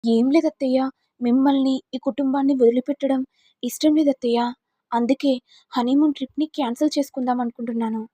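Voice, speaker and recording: A woman voicing a meek, dutiful young wife in a story, speaking softly and politely. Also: high-pitched, fairly even intonation, fast talker, dry recording. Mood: gentle. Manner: soft, polite pleading.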